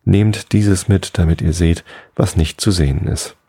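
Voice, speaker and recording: A man's voice: low-pitched, fairly even intonation, measured pace, dark tone, slightly rough, no echo, heavily acted. A man voicing a wise, serene female elf who speaks in riddles, in a bedtime story reading.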